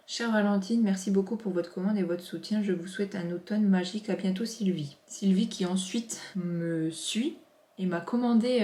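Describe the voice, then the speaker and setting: A vlogger in her thirties unboxes parcels in her home office, chatting casually and gushing with lots of exclamations. Her voice is on the low side with a dark tone, and the room gives a roomy echo.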